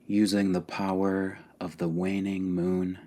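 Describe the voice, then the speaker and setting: In a slow and spacious guided meditation, a man with a low voice speaks calmly and deliberately, leaving pauses between his short phrases.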